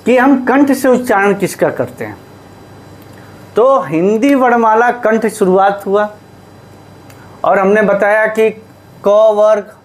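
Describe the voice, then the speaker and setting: A male teacher giving a lesson, who asks questions and answers them himself and repeats the key terms. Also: high-pitched. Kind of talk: classroom lesson.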